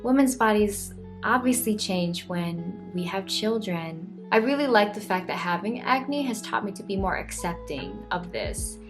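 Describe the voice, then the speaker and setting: A young woman in her twenties speaks earnestly in a reflective personal vlog, her voice sitting at an ordinary middle pitch. She talks in a soft, thoughtful way, with a quiet guitar track playing under her words. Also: sing-song, measured pace. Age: 20s. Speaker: vlogger.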